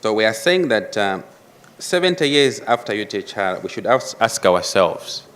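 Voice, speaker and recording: A man delivers a formal conference address in a somewhat low voice. He speaks in a measured way, pausing to stress key phrases with deliberate emphasis. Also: sing-song, a bit bright. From Malawi. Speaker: panel speaker.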